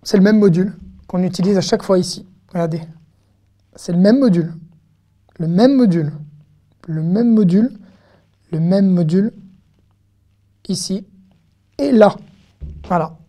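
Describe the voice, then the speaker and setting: Slow, mellow-voiced woman teaching. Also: lowish voice. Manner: patient, repeats words slowly for learners. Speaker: Hebrew teacher. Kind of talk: online lesson, explaining and demonstrating pronunciation.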